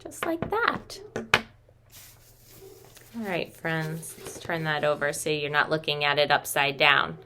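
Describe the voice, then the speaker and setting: In a small room at home, a woman in her thirties who teaches preschool shows young children a craft, speaking simply and addressing them as friends. Her low-pitched voice has lively intonation and a sharp tone; she goes slowly, pausing often, with a little hiss or hum present.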